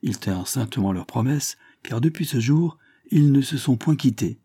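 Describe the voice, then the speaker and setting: A man reading a classic story aloud as an audiobook narrator, in a measured, even manner. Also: mid-range voice, breathy edge, no echo, clean studio sound. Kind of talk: scripted narration.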